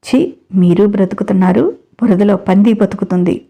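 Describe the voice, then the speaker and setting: A woman's voice: medium pitch, normal speed, warm tone, natural voice. A woman voicing a long-suffering young wife who now talks back in a stern, cutting way. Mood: scolding. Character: put-upon young wife finally defiant.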